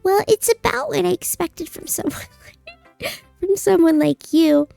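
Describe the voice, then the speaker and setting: Woman putting on a high, bratty anime schoolgirl. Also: measured pace, gravelly, mellow, no echo, faint music behind, exaggerated voice. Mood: huffy, dismissive. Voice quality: cutesy, annoying anime-girl voice.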